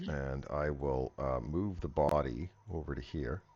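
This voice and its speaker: Deep-voiced man running a tabletop game. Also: a little slow, a little mellow, no echo, muffled recording. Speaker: game master. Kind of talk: casual tabletop game narration and rules talk.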